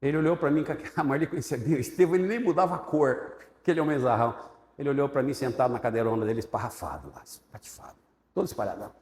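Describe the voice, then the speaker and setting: A man with a Brazilian Portuguese accent teaching Sunday school, telling his testimony as an animated storyteller who acts out the voices of people in it. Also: mid-range voice, racing. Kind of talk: sermon-style personal testimony. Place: church hall. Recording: echoey church hall with long reverb.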